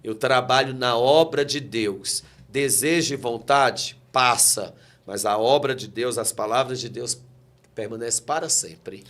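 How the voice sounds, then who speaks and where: Speaking at medium pitch in a fairly bright tone, this Brazilian pastor in his forties takes his time. As an interview guest, he shares a moving testimony and cites scripture with preacherly fervor.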